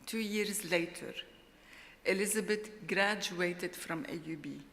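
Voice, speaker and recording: A middle-aged woman gives a formal award acceptance speech at a podium microphone, in a slow, deliberate and heartfelt way. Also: on the low side, a bit bright. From Lebanon. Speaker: award laureate. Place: large ceremony hall. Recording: long hall reverb.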